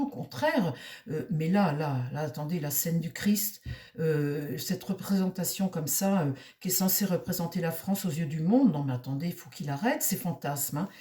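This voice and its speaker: A woman's voice: fairly low pitch, warm tone, far from the mic. A woman tarot reader talking to her viewers in a heated, indignant way, often repeating herself. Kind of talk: casual monologue to viewers. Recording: roomy echo, mic set back.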